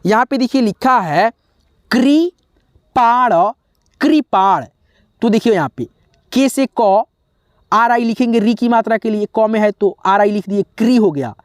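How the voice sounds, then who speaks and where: A man teaching a spelling lesson, slowly sounding out letters one by one and often pausing to check in with his viewers as friends. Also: high-pitched, dry recording, studio quality. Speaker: English teacher.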